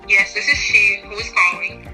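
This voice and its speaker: Casting: woman as a brisk formal lady agent, clipped, music clear under. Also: mid-range voice, steady tone, pushed and bright, poor audio. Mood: businesslike. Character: crisp businesslike female talent agent.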